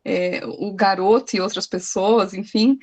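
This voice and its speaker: A woman's voice: mid-range voice, steady tone, measured pace, darkish tone. Earnest woman sharing a testimony. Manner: earnest, emotional, hesitant restarts. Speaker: group member.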